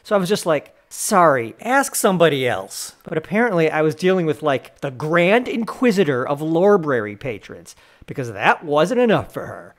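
A young man telling a sarcastic comedic rant as an animated storyteller, deadpan and mocking. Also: on the high side, moderate pace, few pauses.

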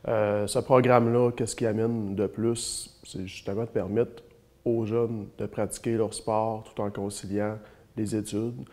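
A man, a teacher and athletics coach answering interview questions in a measured way with a lapel mic. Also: lowish voice, flat delivery, a little mellow. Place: indoors, small room against a plain wall.

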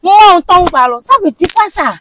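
Woman playing a shrill scolding village mother. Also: expressive, brisk, background noise. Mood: shocked. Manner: emphatic, repeats questions insistently.

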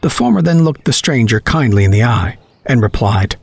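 A man narrating a horror story, reading in a measured, dramatic way. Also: medium pitch, animated, creaky, husky, no echo.

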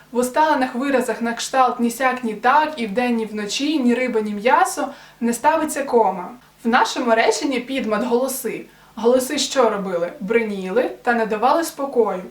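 A woman's voice: a little high, recorded from a distance. A young woman explaining grammar step by step to viewers, patient and methodical, as a tutor preparing students for an exam. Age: young adult. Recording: echoey room, voice off-mic.

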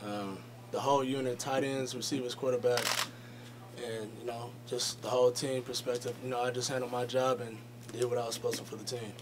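A young man, a college running back, giving short, measured answers at a post-game press conference through a table microphone. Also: mid-range voice, level tone. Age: young adult. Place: press conference room, indoors. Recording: noticeable background noise.

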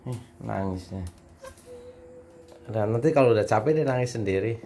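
A man's voice: lowish voice, moderate pace, warm tone, slight background noise. A man, a father, chatting casually and teasing playfully in a family video. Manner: teasing, laughing, playful commentary.

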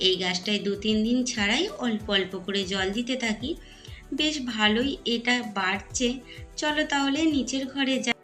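A woman's voice: fairly high pitch, moderate pace, fairly bright tone, faint music behind. A middle-aged woman narrating a home cooking and garden vlog. She chats with her viewers and calls them her friends. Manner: chatty, addresses viewers as friends. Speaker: home vlogger.

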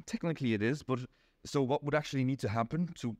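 This young Belgian interview guest has a medium-pitched, darkish voice and speaks at a quick pace, with no room sound. He explains patiently, step by step, with many ums, in a casual explanatory chat recorded in a small indoor room.

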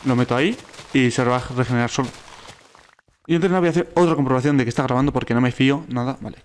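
A man with a Spain Spanish accent giving let's play commentary as a gaming YouTuber, excitable and quick to repeat words when something alarms him. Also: medium pitch.

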